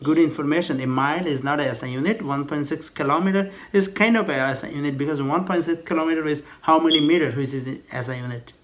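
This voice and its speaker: A man from Bangladesh listening to a child read, encouraging him in halting speech full of fillers. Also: fairly high pitch. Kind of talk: casual chat.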